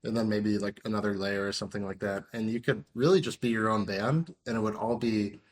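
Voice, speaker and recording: A man in his thirties talks as a podcast guest in an easygoing, wandering way. His voice sits on the lower side. He fills every pause with "um" and "like". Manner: rambling, many fillers like "um" and "like". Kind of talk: casual interview chat.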